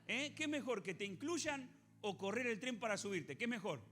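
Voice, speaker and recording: A man with an Argentine accent preaching a sermon as a pastor, animated, questioning the congregation and acting out biblical voices. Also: high-pitched, normal speed, slight background noise. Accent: Argentine Spanish.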